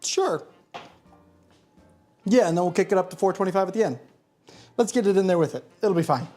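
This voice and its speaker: Dry-humored woman with a dark voice. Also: on the low side, rapid-fire, soft background music. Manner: wry, dry humor, matter-of-fact. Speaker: home baker, co-host. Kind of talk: casual kitchen chat. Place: home kitchen.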